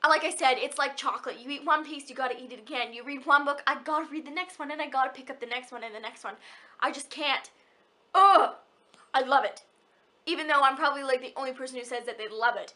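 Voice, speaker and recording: A young book vlogger with a high, bright voice chats casually and personally about books she loves. She gushes and rambles hyperactively, often stopping and restarting her sentences.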